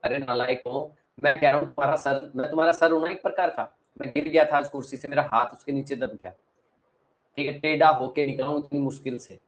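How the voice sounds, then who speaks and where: A young man with a north Indian Hindi accent teaching an online class, teasing and scolding his students between explanations, swinging between loud and soft. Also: medium pitch, steady tone, fairly quick, rough recording. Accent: Hindi-speaking north Indian.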